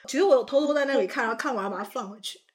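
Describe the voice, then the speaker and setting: A young woman co-hosting a casual podcast, telling childhood stories in an animated way and acting out her parents' lines. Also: high voice, racing. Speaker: podcast co-host. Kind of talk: casual chat.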